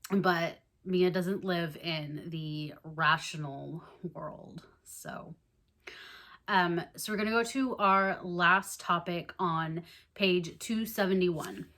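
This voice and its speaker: A woman's voice: fairly low pitch, pushed and bright. A young woman hosting a casual book discussion vlog, chatty and amused, with lots of ums and likes. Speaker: book vlogger.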